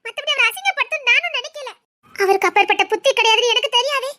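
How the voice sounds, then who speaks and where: A woman's voice: very high voice, expressive, fast talker, pushed and bright, exaggerated voice. A woman acting a grieving, wronged young woman, speaking with a Tirunelveli Tamil accent in a trembling, tearful voice. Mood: defensive.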